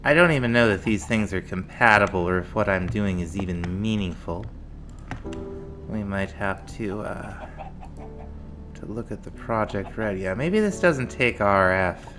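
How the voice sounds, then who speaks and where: A man casually narrating his modded game as a let's play host, thinking aloud in a relaxed, mumbling way, with faint music behind. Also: on the low side, measured pace. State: morning voice. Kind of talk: casual gameplay commentary.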